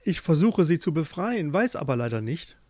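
A man's voice: a little high, sing-song, normal speed, darkish tone, no room sound, clean studio sound. A man voicing a desperate young man in a spoken fairy tale, earnest and anxious. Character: desperate young man searching for his love.

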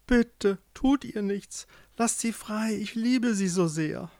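A man's voice: a little high, very animated, measured pace, a little mellow, dry recording, clean studio sound. A man voicing an earnest young man devoted to his beloved in a fairy tale, with an emotive delivery. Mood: desperate.

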